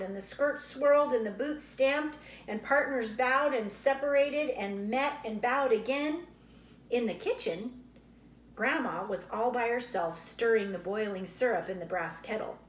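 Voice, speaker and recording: Reading a children's book to young listeners, a woman speaks a little slowly in a fairly high voice, bringing expression and a teacher's explaining manner to the story without rushing. The recording sounds roomy, with a faint layer of background noise.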